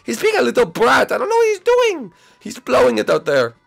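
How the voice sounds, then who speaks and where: A man voicing an exasperated cartoon chef and butler with a shrill, resentful delivery. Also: huge pitch swings, very slow, soft background music, full character voice.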